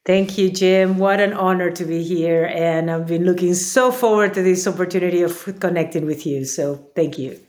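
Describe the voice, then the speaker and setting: Woman from peru talking slow and earnest on a podcast, kinda low voice. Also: a little mellow. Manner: earnest, reflective, with many fillers. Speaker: podcast guest, author. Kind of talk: personal interview.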